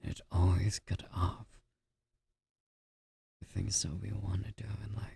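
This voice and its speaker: A man doing an ASMR role-play as a comforting boyfriend, speaking in a soft, breathy, intimate murmur with a husky, gravelly edge, close to the microphone. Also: low voice, little pitch movement, no room sound. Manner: slow, gently reassuring boyfriend-style comforting.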